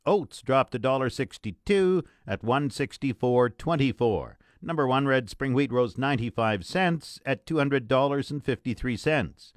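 A man's voice: mid-range voice, dry recording, studio quality. A man presenting a radio farm report, reading scripted market prices.

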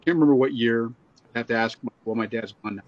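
A man's voice: mid-range voice, fast, dull audio. A man on a podcast panel telling a rambling story over a remote call, his audio glitching and cutting out. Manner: rambling anecdote with restarts. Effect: glitching audio that keeps cutting out. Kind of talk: casual sports chat.

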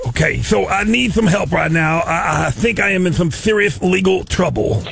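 A man's voice: sits high, expressive, normal speed, gravelly, a bit bright, soft background music. A man making a prank call on a radio show, rambling and stammering in a goofy way.

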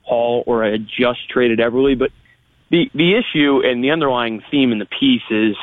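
A man's voice: mid-range voice, moderate pace, no echo. A male analyst talks through sports arguments in a conversational way, stammering over repeated words as he builds a point. He is on a slightly dull phone line, with no room sound. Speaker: hockey analyst guest. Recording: band-limited phone line on radio.

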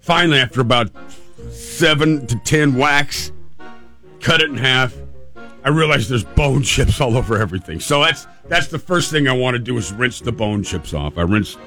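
A man's voice: medium pitch, animated, normal speed, sharp tone, faint music behind. A man hosting radio, telling a casual, humorous personal story in a rambling way, repeating phrases for emphasis. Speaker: radio host.

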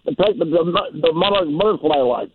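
A man's voice: a little high, normal speed. A man calling in to a radio show on a muffled, garbled phone line that makes him sound underwater. He stumbles and repeats his words. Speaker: radio call-in caller. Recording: tinny, crackly phone line.

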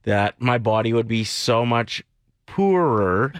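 A man's voice: mid-range voice, animated, takes it slowly, smooth, no room sound, clean studio sound. A man in his forties co-hosting a morning radio show, talking in an easygoing, wry way. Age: 40s. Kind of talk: casual chat.

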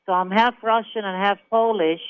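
A woman's voice: mid-range voice, steady tone, normal speed, clean tone. Woman from Israel, radio call-in guest, emphatic chatty storyteller, tinny phone-line sound. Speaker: caller. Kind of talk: phone interview on talk radio.

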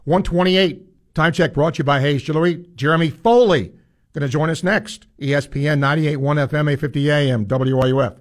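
A man hosts a live sports radio show. His voice runs a little higher than most men's as he talks to listeners. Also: steady tone, fairly quick. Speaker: sports talk radio host.

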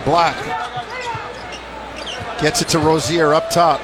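A man's voice: fairly high pitch, steady tone, slow pace. A man doing live basketball play-by-play commentary in clipped, short phrases. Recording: courtside arena noise behind voice. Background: basketball arena crowd and bouncing balls.

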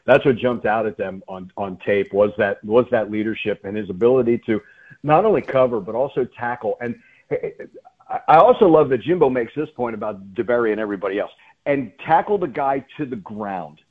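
A play-by-play commentator delivers emphatic sports radio analysis, often repeating words and posing rhetorical questions. His medium-pitched voice is brisk and slightly rough, heard over a muffled, phone-like radio line.

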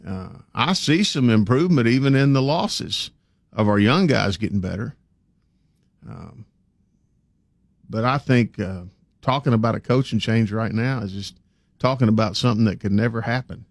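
A man's voice: mid-range voice, normal speed, long pauses, dry recording. Plain-spoken male sports talk host, dry sound. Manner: plain-spoken, folksy, opinionated. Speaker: sports talk show commentator.

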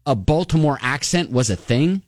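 A man's voice: medium pitch, expressive, moderate pace, no room sound, clean studio sound. A man co-hosting a radio show in casual chat, telling a story with frequent giggles.

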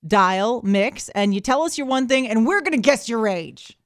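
A woman co-hosting a radio morning show with animated, exclamatory, upbeat chat. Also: fairly high pitch, moderate pace, no echo, clean studio sound. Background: music bed.

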